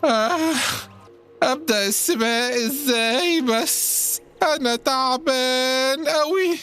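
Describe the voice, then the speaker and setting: A woman's voice: sits high, takes it slowly, a bit bright, clean tone, soft background music. A woman voicing Farid, a worn-out boy with a cramp in a children's audio drama, who groans and complains. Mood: weary.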